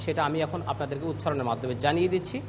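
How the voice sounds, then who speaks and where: A man teaching Quran pronunciation, drilling letter sounds slowly and clearly and calling on students to repeat after him. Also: fairly high pitch, in a large hall, music in the background. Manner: slow, clear drilling of letter sounds with call-and-response prompts. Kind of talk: classroom pronunciation lesson.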